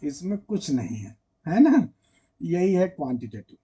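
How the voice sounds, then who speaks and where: A man gives a relaxed literature lecture, talking straight to his students and stretching words out when he demonstrates. His voice sits a little high, with a soft, mellow tone. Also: unhurried, slightly rough, muffled recording. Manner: chatty, addresses students directly, stretches words when singing examples. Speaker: literature teacher. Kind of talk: online lecture.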